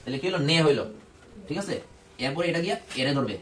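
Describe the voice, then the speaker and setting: A man's voice: fairly high pitch, lively intonation, fast, slight background noise. A man teaching English pronunciation to a class of children, strict and drilling words over and over. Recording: roomy classroom from far off. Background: children chattering.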